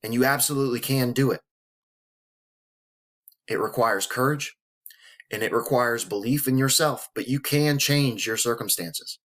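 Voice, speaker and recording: An emotional man in his thirties speaks straight to the camera, fighting back tears. His voice sits at an ordinary middle pitch and pace, and he swears freely while sounding earnest and heartfelt. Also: normal speed, pauses often, a bit bright. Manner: earnest, emotional, profane, motivational. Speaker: vlogger. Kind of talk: personal talk to camera.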